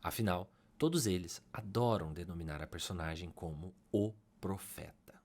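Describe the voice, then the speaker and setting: The narrator is a man with a Brazilian Portuguese accent and a low-sitting, somewhat dark voice. He works through a scripted literary analysis in a measured, academic tone, raising his emphasis on important ideas.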